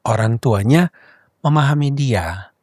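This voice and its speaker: A man co-hosts a parenting podcast, drawing on his practice and acting out small scenes as he explains. His pitch swings widely and lively. The recording is dry and close. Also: a little slow, dry recording. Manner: animated, acts out examples. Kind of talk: casual podcast conversation.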